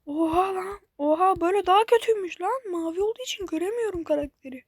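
High-pitched woman swearing at a game. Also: fast, no room sound. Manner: frustrated, swearing a lot, shouting at the game. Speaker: gamer. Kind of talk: casual gameplay commentary.

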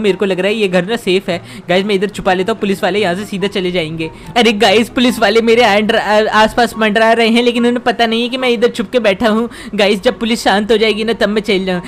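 Woman putting on a mischievous little boy, high squeaky voice, whiny, excitable, panicky cartoonish game commentary. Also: close to an everyday voice. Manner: whiny, excitable exclamations, talks to viewers. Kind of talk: gameplay commentary in character.

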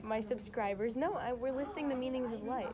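A woman's voice: fairly high pitch, a little fast. A teenage girl vlogging at school, narrating in a playful, jokey way and laughing often, on a phone camera. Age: teens. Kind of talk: casual chat. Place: noisy school rooms and halls. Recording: loud chatter behind.

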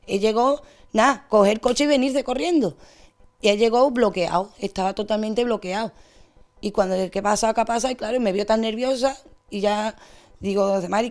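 A young woman with an Andalusian accent, giving a distressed, rushed account as an interviewee. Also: a little high, a little mellow. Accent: Andalusian Spanish. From Spain. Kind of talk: emotional testimony.

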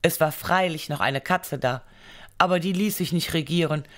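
A woman narrating an audiobook fairy tale, reading it aloud in measured storytelling phrases. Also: deep voice, fairly bright tone.

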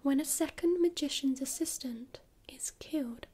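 A woman voicing a friendly, patient librarian in a whispered role-play, speaking in a soft, soothing library whisper. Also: high voice, normal speed, lightly acted. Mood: hushed, intriguing. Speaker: ASMR performer playing a librarian.

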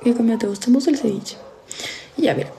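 A tired eighteen-year-old Peruvian woman chats with her viewers in a Peruvian Spanish accent. Her voice is dark and mellow, heavy with gravelly fry. She reads each question aloud, then answers in a loose, chatty way with soft asides. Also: on the high side, fast talker, slight background noise. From Peru. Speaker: live streamer.

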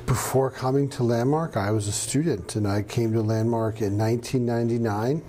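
A middle-aged man from New Hampshire, a radio professor answering interview questions in a relaxed, storytelling way with some fillers. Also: mid-range voice, moderate pace, slight background noise. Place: studio with green screen.

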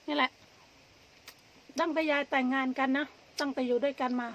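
A middle-aged woman with an Isan Thai accent chats casually to viewers while chewing, pausing between short, rambling phrases. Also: high voice, steady tone, a bit bright. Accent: northeastern Thai (Isan). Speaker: vlogger. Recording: dull lo-fi audio with background noise.

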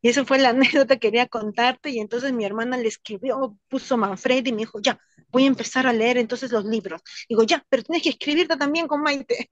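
A woman on a video call, telling an anecdote in a casual, animated way and laughing often. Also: on the high side, a little fast, no echo, dull audio. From Latin America, immigrant in Switzerland. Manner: animated, laughs often, acts out quoted voices. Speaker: book club participant.

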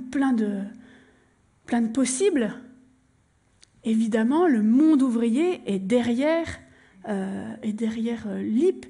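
A fairly high-voiced woman performing a storytelling show, talking straight to the audience with lively energy. She slips into acted scenes and back, keeping a conversational stage delivery. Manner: animated, addresses the audience, acts out scenes.

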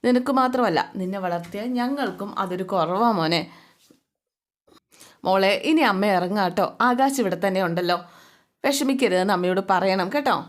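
A woman's voice: medium pitch, animated, moderate pace, natural voice. A woman voicing a firm older mother-in-law who lectures her son's wife and then fusses kindly over her, in a retold TV serial story. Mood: reassuring.

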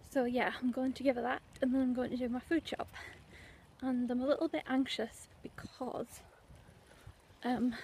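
Walking and vlogging on a windy street, a young woman talks casually and a bit breathlessly, her chatter meandering through fillers and asides. Her voice is high-pitched and a little mellow, with faint background noise and wind behind it.

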